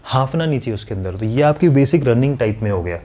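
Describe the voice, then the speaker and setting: A man's voice: medium pitch, expressive, dark tone. A man teaching maths straight to camera, scolding and coaching his students in a direct teacher's manner. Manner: acts out students' replies and recites tables quickly.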